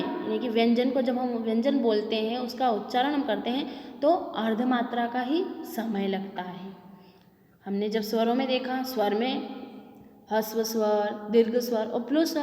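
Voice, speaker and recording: A woman's voice: a little high, normal speed, darkish tone. A woman teacher explaining a lesson. She asks questions, then answers them herself and repeats the key terms. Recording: echoey room with long reverb.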